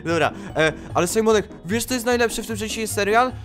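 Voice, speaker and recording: A young man playing a father in a game role-play, narrating dramatically and swinging between scared mutters and shouts. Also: high-pitched, fast talker, faint music behind.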